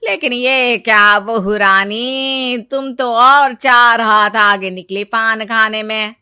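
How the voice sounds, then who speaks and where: This woman's pitch sits fairly high, and her tone is clear and resonant as she gives a heavily acted turn. Her character is a sly, nagging older mother-in-law in an animated family comedy, and she speaks in long, drawn-out, reproachful phrases.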